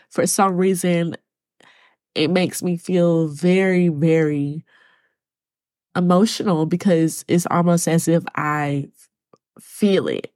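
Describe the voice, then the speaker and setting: A woman hosting her own podcast, talking to her listeners in a halting, choked-up way and close to tears. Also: on the low side, no echo. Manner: speaks to listeners as y'all. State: tearful. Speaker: podcast host. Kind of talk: personal solo podcast talk.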